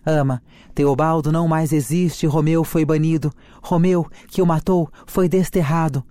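Reader putting on an old fretful nurse, slow declamation, mellow, dry sound, from a play reading. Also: mid-range voice, steady tone, no echo, close to an everyday voice. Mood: lamenting.

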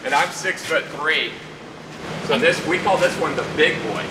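A man's voice: on the high side, unhurried. A middle-aged man giving a casual, plain-spoken product walkthrough like a salesman, recorded inside an underground bunker. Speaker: bunker company owner giving a tour. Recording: echoey enclosed space, faint background noise.

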